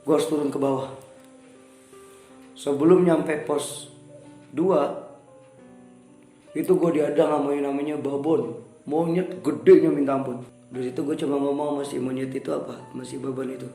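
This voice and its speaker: A young man telling a story in a casual interview, animated, raising his voice for quoted dialogue. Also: medium pitch, normal speed, long pauses. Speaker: guest storyteller. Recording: echoey room with soft music.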